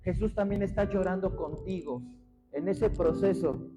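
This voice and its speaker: A man preaching a sermon as pastor in a church, impassioned and often shouting to the congregation. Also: sits high, a little slow, over music, low-quality recording. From Mexico. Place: church sanctuary.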